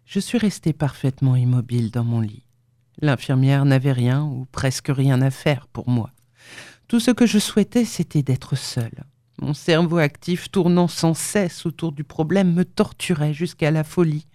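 A woman narrating an audiobook in a measured, sombre storytelling manner. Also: sits low, warm tone, no echo, clean studio sound.

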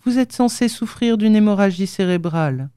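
A woman reading the lines of a calm, clinical male surgeon with quiet menace in an audiobook. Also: mid-range voice, normal speed, clean tone, no echo, studio quality, voice pushed up, natural voice. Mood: cold menace. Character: cold scheming male surgeon, middle-aged.

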